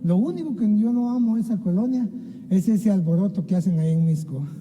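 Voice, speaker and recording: A man's voice: sits high, animated, fairly quick, mellow, long reverb tail, low-quality recording. A man preaching an impassioned sermon as pastor, often calling out to his listeners and acting out biblical dialogue. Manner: impassioned, keeps addressing listeners as "hermano". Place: church sanctuary.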